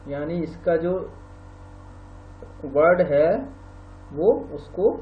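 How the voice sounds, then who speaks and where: A man gives a slow, patient grammar lesson, spelling out and repeating each example word. His voice sits a little high for a man. The recording is roomy and dull, with a faint hum behind it. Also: fairly even intonation. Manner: slow, explanatory, repeats words aloud. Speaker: teacher.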